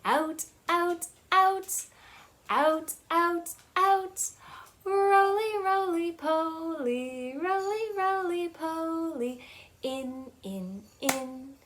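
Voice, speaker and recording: Running a children's storytime in a small shelved playroom indoors, a librarian in her thirties speaks in a teacherly sing-song and leads simple songs with hand motions. Her voice is very high and a bit bright, and she draws out her words.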